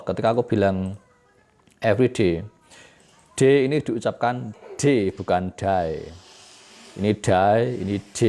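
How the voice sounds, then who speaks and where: A man with a low, gravelly voice walks through a casual English grammar lesson. He explains in an easygoing, conversational way, pausing with fillers and correcting himself as he goes. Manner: relaxed, chatty explaining with fillers and self-corrections. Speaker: English tutor.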